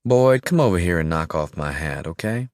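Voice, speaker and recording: A man's voice: deep voice, animated, normal speed, dry recording, studio quality. A man voicing a tough, scheming woman county sheriff who speaks in a cold, commanding way.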